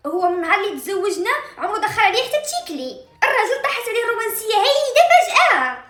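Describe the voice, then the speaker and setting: A woman with a Moroccan accent voicing an upset, sharp-tongued middle-aged aunt who complains in a cartoon. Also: extremely high pitch, sing-song, rapid-fire, exaggerated voice. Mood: complaining. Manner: complaining, exasperated. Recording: roomy sound with loud music.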